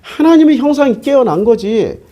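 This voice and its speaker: Preaching as pastor, a man with an extremely high voice and big pitch swings gives a Bible-teaching sermon at normal speed, peppering listeners with questions. He talks conversationally, alternating polite and casual speech, and the recording has its highs cut off.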